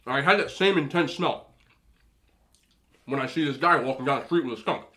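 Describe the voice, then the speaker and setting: A man's voice: fairly high pitch, moderate pace, bright, forceful tone. Casual man telling stories over a meal. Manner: eating between phrases. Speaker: host of a mukbang video. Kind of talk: casual rambling storytelling while eating.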